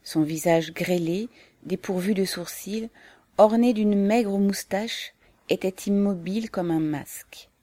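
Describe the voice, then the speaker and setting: A woman narrating a novel as an audiobook reader, in a calm, even and measured way. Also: mid-range voice, no room sound.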